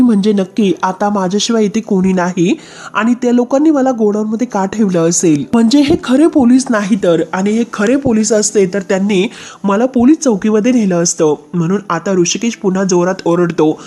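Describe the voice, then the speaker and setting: A woman's voice: medium pitch, dark tone. A woman narrating a recap of a TV serial episode, retelling scenes and quoting the characters in a plain storytelling manner.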